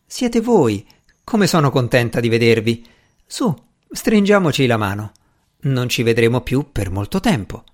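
A man's voice: mid-range voice, very animated, normal speed, darkish tone. A man voicing a good-natured young woman in an audiobook, earnest and a little teasing. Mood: delighted.

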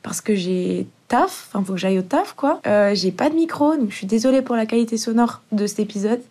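A woman in her twenties with a slightly husky voice, rambling casually and slangily as a solo podcast host, recorded on a phone dictaphone in a bedroom. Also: a little high, expressive, fairly quick, dark tone. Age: 20s. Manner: informal, rambling, slangy with English words mixed in. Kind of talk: casual solo podcast monologue, chatty storytelling. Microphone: phone dictaphone resting on laundry basket on a bed.

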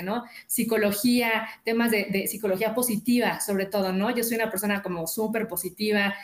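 A woman, a sales coach and author, chatting in an upbeat way in an interview and acting out quoted dialogue. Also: mid-range voice. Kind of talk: casual interview chat. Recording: roomy echo.

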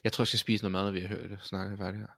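A man's voice: low voice, creaky, no room sound. Casual Danish-speaking podcast man, dry sound. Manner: animated storytelling, swears casually. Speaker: podcast co-host. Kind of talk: casual chat.

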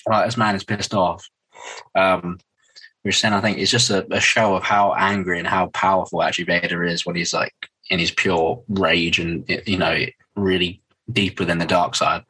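A man's voice: deep voice, sharp tone, husky, poor audio. A man co-hosting a podcast, casually retelling comic scenes with filler words. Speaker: podcast co-host.

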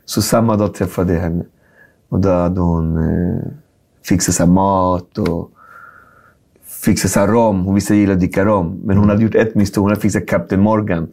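Mellow-voiced man from a suburb. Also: low-pitched, creaky. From Sweden. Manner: animated, acts out dialogue, street slang, lots of filler. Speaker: guest. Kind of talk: casual storytelling in a conversation.

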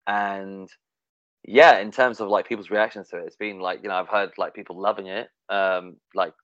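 A man's voice: low voice, steady tone, normal speed, a bit bright, no room sound. A man talking casually in a discussion, hesitant, with many fillers and restarts. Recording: dull, dry, lo-fi sound.

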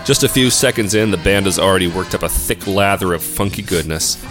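A man's voice: low-pitched, brisk, a bit bright. A man co-hosting a music debate podcast, reading prepared arguments with a dry, sardonic wit. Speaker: podcast co-host.

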